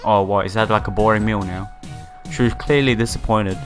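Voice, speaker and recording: Over background music, a let's player narrates a visual novel playthrough, reading the text aloud, stumbling here and there, and tossing in casual slangy asides. The voice is medium-pitched and brisk with fairly even intonation.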